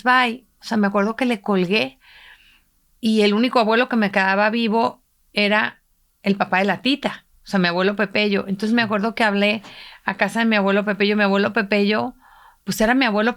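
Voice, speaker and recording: Middle-aged woman co-hosting a podcast, heartfelt storyteller, medium pitch. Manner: emotional, reflective, voices quoted people while retelling. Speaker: podcast co-host, mother. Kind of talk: intimate conversational storytelling.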